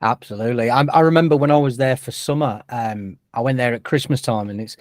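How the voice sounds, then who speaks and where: A man's voice: medium pitch, quick pace, no echo, studio quality. A man hosting a podcast in a chatty, jokey way. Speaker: podcast host. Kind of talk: casual podcast chat.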